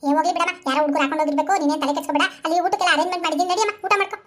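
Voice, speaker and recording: A woman voicing a young wife in an animated comedy who talks quickly and anxiously and scolds her husband. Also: high voice, natural voice. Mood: flustered. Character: young wife torn between husband and mother.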